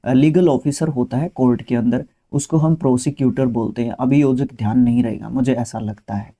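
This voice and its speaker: A man's voice: mid-range voice, steady tone, moderate pace, mellow. A man with an Indian accent teaching an English vocabulary and spelling lesson. He speaks to his students directly and patiently, in a conversational way with many fillers and asides.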